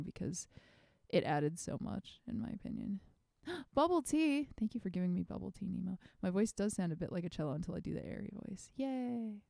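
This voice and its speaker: Gravelly low-voiced woman streamer. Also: mellow, no echo, clean studio sound. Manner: meandering, self-effacing explanation. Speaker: musician streaming her release party. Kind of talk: casual livestream chat.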